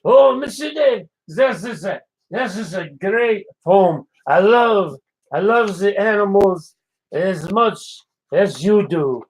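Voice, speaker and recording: Man doing a high-voiced pompous French chef, slow and grand, thick fake French accent. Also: lively intonation, low-quality recording. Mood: pompously cheerful. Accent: put-on French. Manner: flowery, broken formal speech. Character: cheerful French male chef, pompous and polite. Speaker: in-studio guest character.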